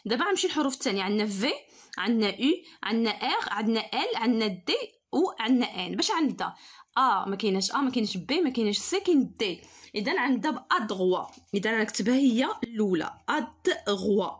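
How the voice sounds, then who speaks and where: A young Moroccan woman gives an online school lesson in a fairly high, husky, sing-song voice. Her explanations come quickly, while she reads French words slowly and with care.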